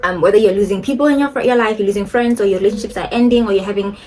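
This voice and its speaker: A woman's voice: medium pitch, racing, dark tone. A young woman chatting casually to a phone camera while doing her makeup, rambling and laughing often. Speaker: beauty and lifestyle vlogger.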